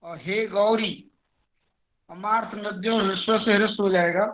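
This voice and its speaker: A man teaching Sanskrit grammar in a slow explanatory lecture, reciting word forms in measured, chanting lists, on a dull lo-fi recording. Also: sits high, fairly even intonation.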